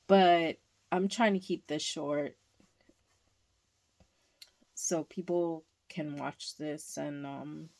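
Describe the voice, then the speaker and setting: A woman talking candidly in a casual home vlog, hesitant and pausing often. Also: low-pitched, vocal fry, a little mellow. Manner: candid, slow and hesitant with many pauses. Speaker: vlogger. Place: indoors at home, under a blanket.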